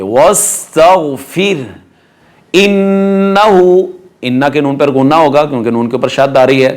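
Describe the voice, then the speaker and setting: A man with a Pakistani Urdu accent teaching Quran recitation rules, explaining each point and then reciting the words slowly and drawn out. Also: medium pitch. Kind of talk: tajweed lesson with slow recitation.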